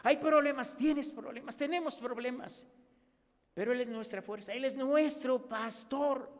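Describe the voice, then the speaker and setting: High-voiced Mexican pastor preaching in a hall. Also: male voice, unhurried. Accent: Mexican Spanish. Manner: animated preaching, acts out quoted voices. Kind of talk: sermon. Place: church. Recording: long reverb of a church hall.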